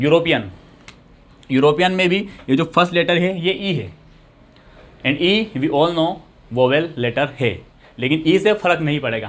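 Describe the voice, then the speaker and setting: A man's voice: on the high side, fairly bright tone. A man teaching English grammar, patiently explaining and asking and answering his own questions. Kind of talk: explanatory lesson.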